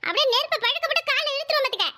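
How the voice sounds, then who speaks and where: A woman voicing a loud, scolding middle-aged aunt in a Tamil village cartoon, shrill and given to wailing. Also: animated, rapid-fire, very noisy. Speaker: cartoon character.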